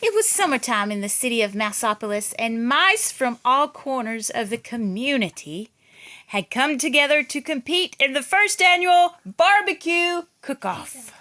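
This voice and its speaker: Animated, higher-voiced woman reading a picture book. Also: normal speed. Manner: dramatic, theatrical emphasis. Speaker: children's read-aloud reader.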